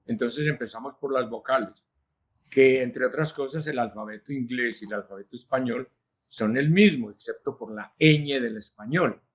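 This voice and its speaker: A man, a linguist answering interview questions in a measured, teacherly way, with frequent hesitations. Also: medium pitch. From Colombia. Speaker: linguist and journalist, interview guest.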